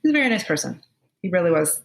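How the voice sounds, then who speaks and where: Guest, woman near fifty: low, gravelly, chatty, rambling with fillers. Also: big pitch swings, very fast. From United States. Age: around 50. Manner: chatty, thinks aloud with many fillers. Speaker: guest author. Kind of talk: casual conversation.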